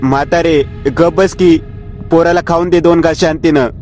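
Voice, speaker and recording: A motherly middle-aged aunt in a spoken horror story, soothing and consoling, as a male storyteller reads her. Her voice is even and flat, with faint music underneath. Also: fairly high pitch, normal speed, natural voice. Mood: scolding.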